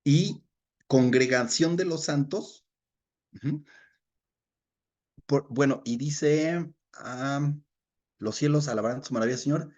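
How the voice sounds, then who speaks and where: A man teaching a Bible study, reading verses aloud and explaining them, who often checks in with his listeners and fills pauses with short murmurs. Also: mid-range voice, darkish tone, highs cut off.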